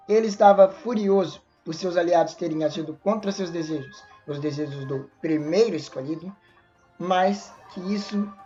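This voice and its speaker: A woman's voice: on the low side, darkish tone. A woman narrates a fantasy story, reading along with small slips and restarts. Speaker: lore narrator. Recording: dull lo-fi voice with faint music.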